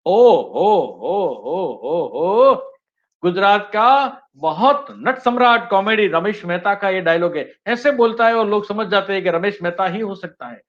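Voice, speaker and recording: A man runs a live online training session for teachers, talking to his audience as friends and moving between Hindi and English. His voice sits fairly high for a man, and his loudness keeps rising and falling. The audio is dull and lo-fi, like a computer mic on a webinar. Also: normal speed, few pauses. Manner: addresses listeners as friends, often repeating "yes friends"; lively, varied delivery with frequent shifts in loudness.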